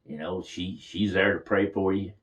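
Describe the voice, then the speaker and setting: A man's voice: sits low, steady tone, moderate pace. An older man, reminiscing in a folksy, chuckling storytelling manner. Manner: folksy, chuckles through his stories. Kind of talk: casual reminiscing.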